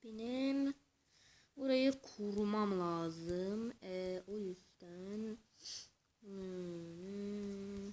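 A woman giving excitable let's-play commentary to her viewers, muttering and whispering asides to herself as she plays. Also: medium pitch, drawn-out words, long pauses, slight background noise. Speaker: gaming channel host.

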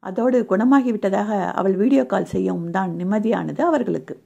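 A woman narrating a romance audio novel in a steady storytelling voice, husky. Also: medium pitch, fairly quick.

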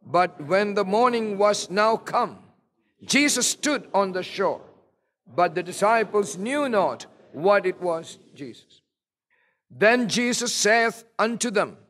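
A man reading scripture aloud at a pulpit microphone, slowly and reverently. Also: sits high, fairly bright tone. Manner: slow, deliberate, reverent reading. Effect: speaking at a pulpit microphone. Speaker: scripture reader.

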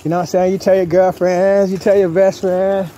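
This vlogger's voice sits high, with a warm tone but flat, brisk delivery. Walking his dogs along a street, he offers colloquial, slang-filled advice into a handheld phone, repeating points and acting out quotes amid noisy outdoor sound.

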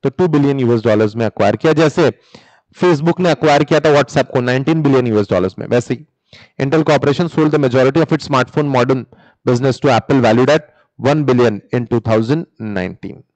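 A young man with an Indian accent teaching a business lecture, reading facts slowly in English, then explaining fast in Hindi with questions to the students. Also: mid-range voice, darkish tone, dry recording, rough recording.

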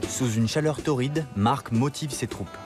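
A man narrates a documentary from a script, measured and even, at a middle pitch. His delivery stays steady throughout. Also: over loud music.

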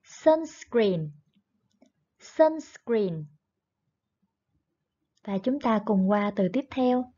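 A woman teacher leads a children's online English lesson, patiently repeating each word twice and coaxing her pupils along. Her voice sits fairly high and unhurried, on a dull lo-fi recording. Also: animated, mellow. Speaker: primary school English teacher. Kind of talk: online lesson, explaining and drilling words.

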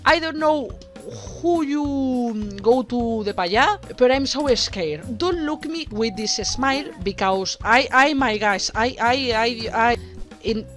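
A young woman talks through a horror game in a fairly high voice. She jokes, swears freely and yelps when startled. Faint game music plays underneath. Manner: swearing, jokey, exclaims loudly in fright. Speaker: gaming streamer. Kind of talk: casual horror game commentary.

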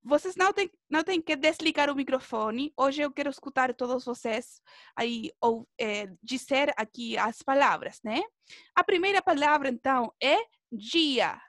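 Brief: woman language teacher, high voice, encouraging, dry close mic. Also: moderate pace, a bit bright, no room sound. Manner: encouraging, drills pronunciation with students. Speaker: Portuguese teacher. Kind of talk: online language class.

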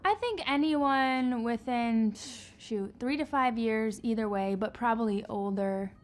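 A woman's voice: fairly high pitch, unhurried. A woman answering interview questions in casual chat, laughing and hedging informally. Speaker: interview guest.

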